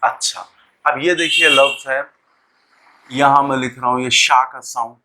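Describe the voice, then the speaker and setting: Male teacher, lesson delivery; slow and deliberate, bright forceful tone, repeats sounds often. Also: mid-range voice, steady tone. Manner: deliberate, repeats sounds and words, many pauses. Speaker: English teacher. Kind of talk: classroom lesson explaining pronunciation.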